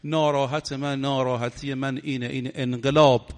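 A man's voice: mid-range voice, level tone. A man preaching a religious sermon, rhetorical, building to fervent peaks before a mourning recitation. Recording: long hall reverb.

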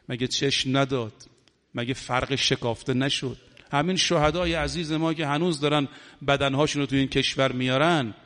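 A man's voice: medium pitch, fairly bright tone. A man preaching a religious sermon, rhetorical, building to fervent peaks before a mourning recitation. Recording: long hall reverb.

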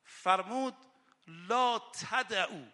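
High, bright-voiced preaching cleric in a hall. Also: male voice. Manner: swells from soft explaining to loud impassioned preaching. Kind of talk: religious sermon.

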